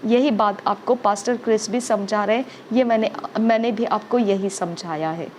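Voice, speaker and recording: A woman's voice: mid-range voice, normal speed, a little mellow, a little hiss or hum. A woman preaching a sermon, urging listeners with repeated phrases and frequent "okay?" checks.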